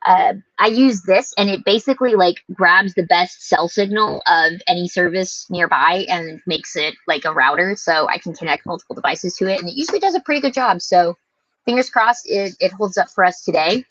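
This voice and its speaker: A woman's voice: lowish voice, moderate pace, a bit bright, no echo, muffled recording. An American woman hosting a casual livestream from inside a small camper, talking in an informal, rambling way. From United States, lives in Louisiana. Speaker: livestream host.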